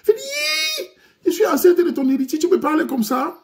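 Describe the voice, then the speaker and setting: Une jeune femme enceinte qui supplie son amant d'une voix très aiguë et pleurnicharde, jouée par un homme qui pousse sa voix vers le haut. Le ton est plaintif, dans un récit comique raconté à la caméra. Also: male voice, extremely high pitch, sing-song, normal speed, vocal fry, voice pushed up, heavily acted. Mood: suppliante.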